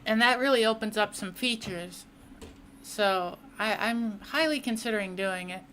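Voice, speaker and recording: A young woman streams a racing sim from her home setup, talking casually at a steady middle pitch while she drives. She reads viewer messages and answers them on the fly. A faint hum of noise sits under her desk-mic voice. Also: normal speed. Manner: chatty, reads and answers chat mid-race.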